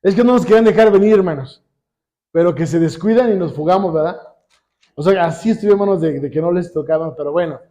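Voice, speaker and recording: A man with a Mexican accent preaching a sermon, constantly asking the congregation questions and pausing for them to finish his sentences. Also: sits high, warm tone. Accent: Mexican Spanish. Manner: calls on the congregation with repeated questions.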